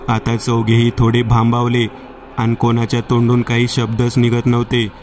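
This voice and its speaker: A man narrating a horror story in a steady, monotone way. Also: medium pitch, normal speed, a little hiss or hum.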